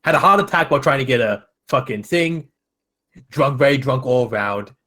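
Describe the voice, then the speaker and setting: A man's voice: medium pitch, lively intonation, moderate pace, bright, forceful tone. Giggly man joking through a game. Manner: giggly, teasing, laughs often. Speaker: gamer co-playing. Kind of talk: casual let's-play commentary.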